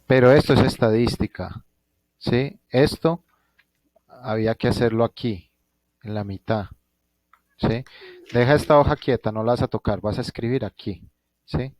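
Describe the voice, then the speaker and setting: A man's voice: mid-range voice, normal speed, long pauses, a little mellow, dry recording. Colombian man teaching, dry close sound. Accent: Colombian Spanish. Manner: thinks aloud with restarts, keeps checking in with "¿sí?". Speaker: physics teacher. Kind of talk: live online class lecture.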